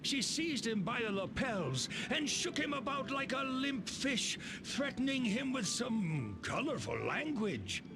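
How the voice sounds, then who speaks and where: A man's voice: very high-pitched, big pitch swings, measured pace, few pauses, exaggerated voice. An actor playing a weary, flustered old grandfather telling a story in a video game. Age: older. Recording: game music behind the voice.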